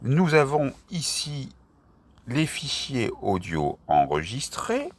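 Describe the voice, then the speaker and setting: A man's voice: medium pitch, huge pitch swings, slow pace. A man presenting an app, narrating a step-by-step screen tutorial.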